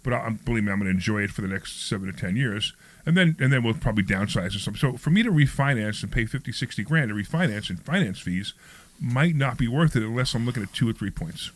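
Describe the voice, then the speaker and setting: A man's voice: mid-range voice, lively intonation, quick pace, dry recording. A man in his sixties hosting a radio talk show, chatting casually, rambling with frequent restarts. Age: 60s.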